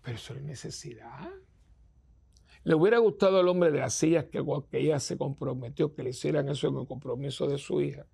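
A man preaching a sermon as a priest, gravelly and husky, emphatic, acting out the voices of people he quotes. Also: on the high side, a little fast, dark tone.

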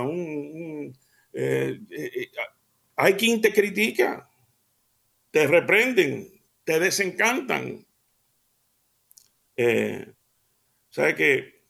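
A man's voice: on the high side, creaky, fairly bright tone, slightly rough. An older man hosting a radio devotional, talking in an earnest, folksy way with many hesitant fillers.

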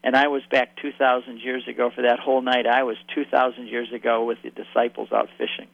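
A man telling vivid, lively stories as a guest on a radio interview. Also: mid-range voice, brisk, vocal fry, dry recording, phone-quality sound. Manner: lively, vivid anecdotal storyteller.

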